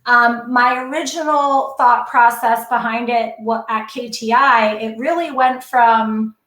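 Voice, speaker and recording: A woman's voice: on the high side, unhurried, echoey room, poor audio. A woman educator telling an earnest, emotional story of her project on a podcast. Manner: earnest, excitable, tearful at times. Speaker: guest educator.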